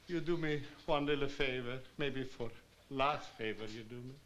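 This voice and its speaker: A man's voice: medium pitch, moderate pace, fairly bright tone, close to an everyday voice. Hammy elderly uncle played by a male actor, broken English, pleading and stubborn, vintage sitcom, noisy audio. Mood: frail, pleading. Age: older. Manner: broken English with dropped articles, pleading and theatrical. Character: hammy, self-pitying, insistent old immigrant uncle. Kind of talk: 1950s television sitcom acting. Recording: noisy old television soundtrack.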